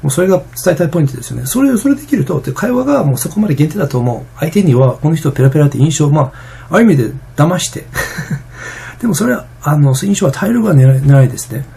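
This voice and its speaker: Fast, gravelly, husky-voiced man. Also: on the high side, very animated, mellow. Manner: rambling, many fillers and restarts. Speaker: vlogger. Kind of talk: casual vlog monologue.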